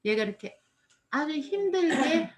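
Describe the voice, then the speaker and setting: A woman with a fairly high voice talks casually, retelling a scene in a rambling way. She fills her speech with small repeated fillers, and her tone stays gentle and reflective. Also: big pitch swings, moderate pace. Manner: rambling, full of "이렇게" fillers. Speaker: storyteller recounting a performance. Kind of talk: casual chat.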